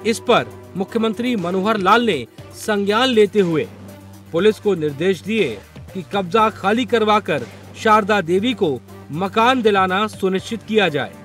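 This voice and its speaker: High-voiced male news narrator. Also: unhurried, fairly bright tone, faint music behind. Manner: formal, reportorial. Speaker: news reporter.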